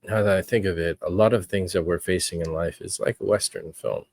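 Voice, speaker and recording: Low-voiced man musing on a podcast. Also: fairly even intonation, gravelly, a little mellow, no echo. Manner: earnest, reflective, with frequent pauses. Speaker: podcast host. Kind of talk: casual podcast commentary.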